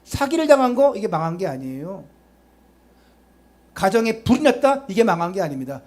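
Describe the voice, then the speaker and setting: Animated, high-voiced male preacher. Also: moderate pace. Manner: impassioned preaching with rhetorical questions; conversational asides to the congregation. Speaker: pastor. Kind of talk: sermon.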